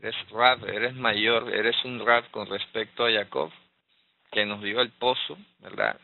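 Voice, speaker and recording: A man teaching a Bible study, explaining slowly and checking in with listeners through rhetorical questions. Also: on the low side, fairly even intonation, creaky. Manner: explanatory, frequent rhetorical "¿verdad?" and "eh" fillers. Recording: tinny phone-like line.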